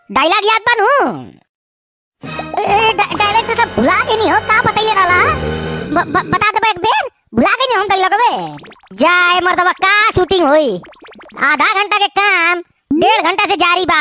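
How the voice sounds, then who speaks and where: A woman with a Bhojpuri accent voicing bickering village men and a fussy film director in a comedy cartoon, teasing and stammering through the lines. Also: very high voice. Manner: teasing, quarrelsome banter with stammers. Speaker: cartoon voice actor.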